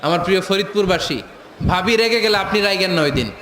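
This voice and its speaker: A man preaching a sermon to a live gathering, animated, shouting at times and joking with the crowd. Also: high voice, fast. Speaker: Islamic preacher. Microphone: handheld or stand mic over a PA. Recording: echoey PA sound with crowd.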